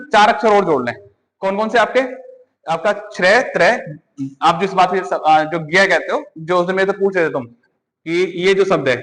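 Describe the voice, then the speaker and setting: High-voiced teacher quizzing his class. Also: a bit bright. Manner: quizzing students, repeating answers. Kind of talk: classroom lecture. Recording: hall reverb.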